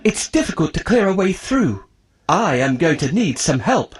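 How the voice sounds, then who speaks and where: A man with a fairly high, sing-song voice at normal speed plays an earnest, determined young prince in a children's storybook. His scripted delivery is carefully enunciated and declarative.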